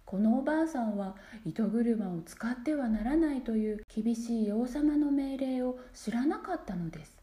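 Storybook narrator: a woman with a high, animated, mellow voice, gentle measured reading, echoey room. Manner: gentle, measured reading with dropping whispered phrase ends. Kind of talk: scripted fairy-tale narration.

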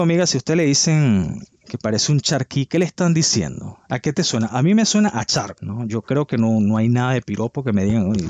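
A man hosting a word-of-the-week segment in a playful, casual tone, quizzing the listener and spelling words out slowly. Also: medium pitch, a little mellow, no echo. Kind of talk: lively casual commentary.

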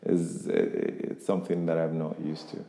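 A man with a gravelly, mellow bass voice interviews a podcast guest, speaking at normal speed with a level tone. He is reflective and motivational, often restarting his sentences. The room is echoey, with long reverb.

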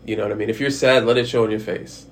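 A man's voice: on the low side, fairly even intonation, fast talker, a little hiss or hum. A man talking casually and frankly about handling hard conversations, rambling with frequent restarts and the odd swear word. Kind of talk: casual advice monologue.

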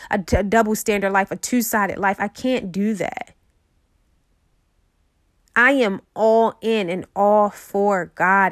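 A young woman hosting her own show, telling a personal faith story in an earnest, confessional way with many halting restarts. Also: mid-range voice, no room sound, clean studio sound. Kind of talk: personal testimony, casual storytelling.

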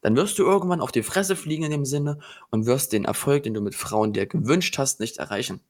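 A man's voice: medium pitch, a little fast, darkish tone. Assertive young man in casual chat.

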